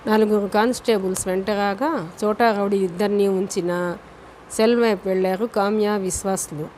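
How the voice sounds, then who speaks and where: A woman reading a novel aloud as an audiobook narrator, in steady storytelling narration. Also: medium pitch, moderate pace, a little hiss or hum.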